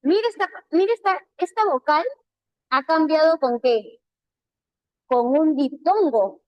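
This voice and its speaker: A woman with a Peruvian Spanish accent teaching an online language class, patiently repeating key terms slowly. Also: high voice, lively intonation, no room sound, dull audio.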